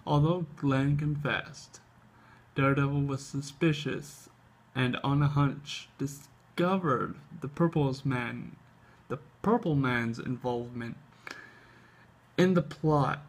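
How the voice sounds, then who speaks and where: A man hosting a comic book show, reading aloud haltingly with casual asides, his speech slightly tripped up by an overbite. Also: mid-range voice. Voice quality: slight speech impediment from an overbite, tongue flicking at upper lip. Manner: halting reading, stumbles and repeats words.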